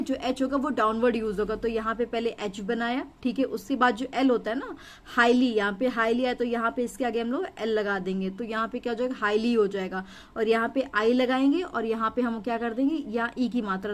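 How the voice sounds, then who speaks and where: Young adult woman, shorthand tutor, slightly high voice, patient and repetitive, checks in often. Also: fairly quick. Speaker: stenography teacher. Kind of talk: explanatory tutorial lesson.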